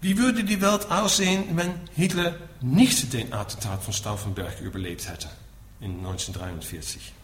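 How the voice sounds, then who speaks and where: This middle-aged man from the Netherlands teaches Buddhism in a spoken lecture, his Dutch accent clear and his points often tagged with a brief questioning word. He uses a mid-range voice at a moderate pace, with hardly any pauses. The space echoes and carries faint background noise.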